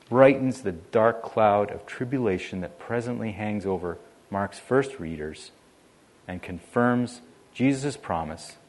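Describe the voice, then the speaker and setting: Low-voiced male pastor preaching. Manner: conversational preaching with varied emphasis. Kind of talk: sermon.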